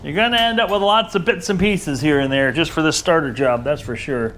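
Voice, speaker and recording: A man's voice: fairly high pitch, brisk, fairly bright tone, a little hiss or hum. A man talking casually while working on a motorcycle, explaining each step in a plainspoken, wry and slightly exasperated way. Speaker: home mechanic. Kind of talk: casual how-to commentary. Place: backyard garage workspace.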